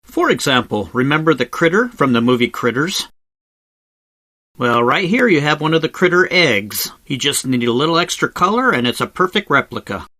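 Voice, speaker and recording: Animated male travel narrator with a bright voice. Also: on the high side, normal speed, no echo. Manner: conversational, wry asides, explanatory. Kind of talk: scripted voice-over narration, informal tour guide. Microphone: close voice-over microphone, recorded separately from the cave.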